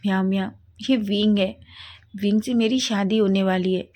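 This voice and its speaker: A woman reading the lines of a caring young man who gently pleads with his upset fiancé, in a light, slightly raised voice. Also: high-pitched, fairly even intonation, moderate pace, close to an everyday voice. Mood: coaxing. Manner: coaxing, pleading questions.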